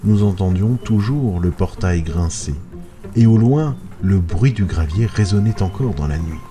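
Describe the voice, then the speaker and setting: A man narrating a first-person horror story in a hushed, suspenseful way. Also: low-pitched, moderate pace, over music.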